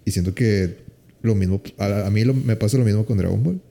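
A man in relaxed casual conversation, calmly asking questions and debating. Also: on the low side, fairly quick, creaky. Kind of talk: casual chat.

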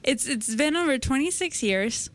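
A woman's voice: sits high, expressive, normal speed. A woman in her twenties, a podcast co-host, walking her co-hosts through a science study step by step in casual conversation. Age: 20s.

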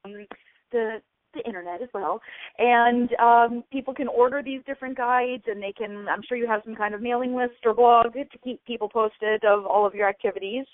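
A woman hosting a conversational radio interview, effusive and a little halting. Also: on the high side, dry recording. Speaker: radio show host. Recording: dry, muffled narrow radio sound.

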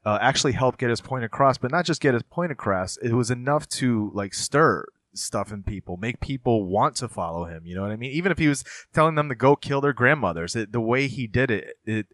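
A man in his thirties with a lowish voice, talking casually and wandering through long explanations. His voice is recorded very dry and close, with no room sound. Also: fairly bright tone, no room sound. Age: 30s. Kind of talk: casual chat.

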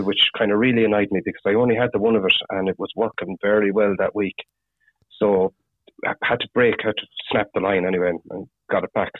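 Husky irish guy, galway west of ireland accent, rambling fishing-guide yarns, tinny phone-like radio sound. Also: fairly low pitch, no room sound. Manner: rambling, halting, peppered with "you know" and "you see". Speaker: fishing guide (gillie) interviewed as guest. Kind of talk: casual anecdotal storytelling.

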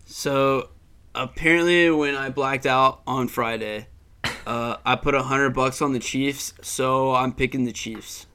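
A young man hosting a sports podcast, chatting loosely and profanely. His voice is mid-pitched, and his sentences often fade off quietly. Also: fairly even intonation, a little slow, smooth. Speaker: podcast host. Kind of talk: casual sports chat.

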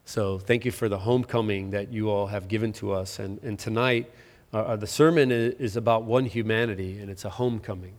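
A middle-aged pastor preaches a sermon in a lowish, fairly quick voice with fairly even intonation. He's conversational and self-deprecating, often restarting and using fillers, and a large hall gives long reverb.

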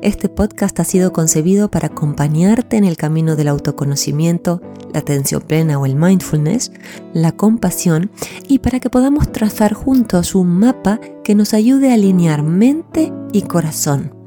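Casting: female meditation guide, very dark velvety tone, lowish pitch, soothing and unhurried. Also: expressive. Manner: soothing, gentle, unhurried delivery. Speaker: podcast host and meditation guide. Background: soft new-age music.

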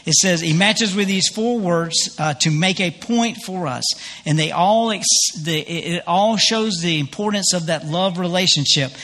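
A man's voice: sits high, moderate pace, fairly bright tone, in a large hall. A male pastor preaching a conversational sermon, with many fillers and restarts and a self-deprecating humor. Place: church sanctuary.

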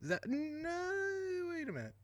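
A man's voice: very high-pitched, huge pitch swings, slow pace, no room sound. A man co-hosting a podcast in casual chat, rambling and correcting himself as he goes, often laughing. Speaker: podcast co-host.

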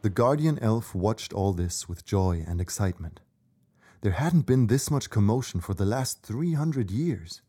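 A man's voice: fairly low pitch, expressive, measured pace, mellow, husky. A man narrating a scripted children's story as the storyteller.

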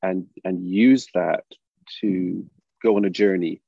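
Older Northern Irish man, gravelly voice. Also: deep voice, fairly even intonation, dark tone, no room sound, muffled recording. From Northern Ireland. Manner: thoughtful, halting, many restarts and fillers. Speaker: drama educator guest. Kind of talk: reflective interview talk.

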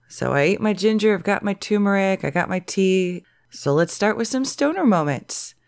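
A woman hosting her own podcast in casual solo chat, her voice a bit lower and rougher than usual because she is sick. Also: moderate pace, no echo, studio quality. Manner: chatty, relaxed, talks straight to listeners. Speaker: podcast host.

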